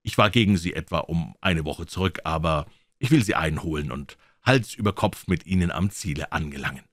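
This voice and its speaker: A man voicing a proud, commanding prince who speaks low and measured. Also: a bit bright, no room sound, studio quality. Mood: haughty.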